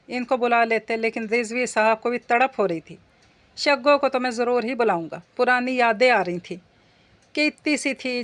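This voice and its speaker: A woman reading the part of a sharp-tongued older mother-in-law who gossips and complains. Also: a little high, lightly acted.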